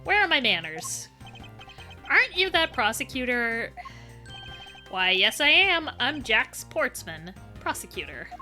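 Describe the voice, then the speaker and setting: A woman acts out a flamboyant male prosecutor from a video game, grand and theatrical. The voice sits high and bright, swooping through big dramatic swings as he carries on. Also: sing-song, unhurried, soft background music, full character voice. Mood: showy. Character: suave hot-headed male prosecutor, theatrical.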